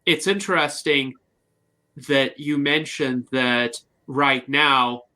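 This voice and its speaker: A man hosting an interview, speaking in long, formal, measured sentences. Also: medium pitch, fairly even intonation, sharp tone. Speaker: interview host.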